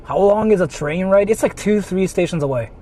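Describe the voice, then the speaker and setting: His voice sits high, brisk, and mellow: a man with a Japanese accent, a native Japanese speaker, rambling and repeating himself with crude jokes during a casual livestream where he reads donations. He's broadcasting from inside his car as he drives, and the moving cabin is noisy.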